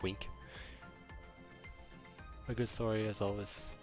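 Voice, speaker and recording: With soft background music, a young German man speaks slowly in a lowish, level voice during casual stream chat. He reads messages and rambles through a story with many restarts, a slight German accent showing.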